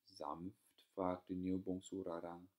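Slow, deep-voiced man reading a fairy tale. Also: highs cut off. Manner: calm, even storytelling. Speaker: audiobook reader.

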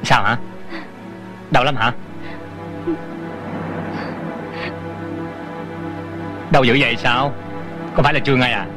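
A man voices a teasing, caring young man in a dubbed TV drama, speaking in a mid-pitched voice as he banters and coaxes. A music score plays clearly behind him. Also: normal speed, lightly acted. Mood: soothing. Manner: bantering and coaxing. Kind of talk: Vietnamese dub of a Hong Kong TV drama.

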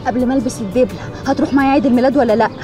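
An actress playing a quick-tempered young fiancée, speaking in Egyptian Arabic with a reproachful, sulky manner. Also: female voice, extremely high pitch, animated. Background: music.

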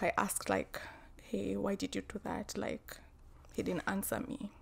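Woman vlogging her own story, mellow dark voice, lots of um and restarts, drops to a whisper now and then. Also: medium pitch, creaky, breathy edge. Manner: halting, with many restarts and fillers. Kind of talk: personal storytelling.

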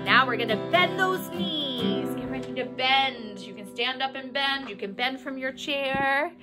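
A woman music therapist leading a remote session, singing a simple action song and gently coaching movements between verses. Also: high voice, a little slow. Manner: cheerful sing-along leader, gentle coaxing instructions. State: out of breath.

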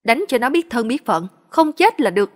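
A woman's voice: on the high side, very animated, normal speed. A woman voicing a cruel, haughty young mistress. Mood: domineering. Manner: harsh, commanding.

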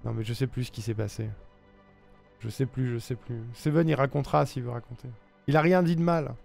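A man's voice: mid-range voice, steady tone, fairly quick, creaky, a little mellow, soft background music. A man with an Auvergne accent hosting a casual live stream, joking and reading chat messages aloud. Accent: Auvergne French. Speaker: streamer host.

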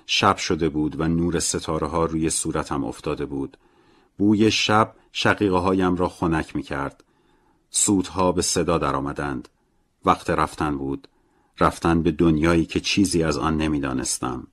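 Male audiobook narrator with a very low voice, calm and measured first-person delivery.

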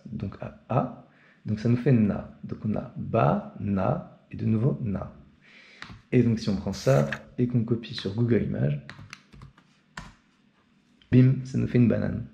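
A man's voice: medium pitch, vocal fry, mellow. A young man explaining an alphabet in a casual, chatty tutorial and often checking in with the viewer. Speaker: language teacher.

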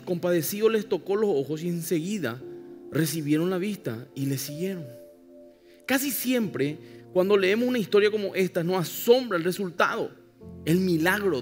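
A male pastor preaching a sermon emphatically, with wry irony and asides to the congregation. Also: high voice. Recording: live church hall with long reverb, faint music.

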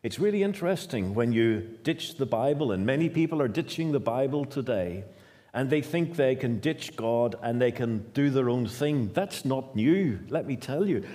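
Speaking at normal speed in an expressive, mellow mid-range voice, this fifties-aged preacher with a Northern Irish accent delivers a forceful, repetitive sermon in a church hall. He speeds up suddenly at times, and the lectern's stand mics and a distant camera capture him.

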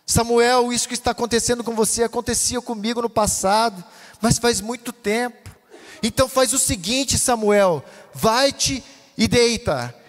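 Male preacher, Brazilian Portuguese accent, high-pitched, fervent chanting delivery, long church reverb. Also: moderate pace. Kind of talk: pentecostal sermon. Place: church hall.

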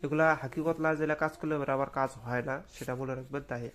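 A man, a folk healer with a cold, explaining rules and then slowly chanting mantra verses. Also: mid-range voice, fairly even intonation, a little hiss or hum. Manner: slow deliberate chanting of verses. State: feverish with a head cold. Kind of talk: spoken instruction with chanted recitation.

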